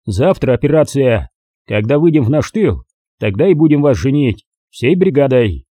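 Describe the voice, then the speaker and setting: A man voicing a gruff, exhausted, short-tempered male army commander who barks and swears, with a husky, dark voice. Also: mid-range voice, big pitch swings, moderate pace, no echo. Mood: weary, stern. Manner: barking, swearing, irritable.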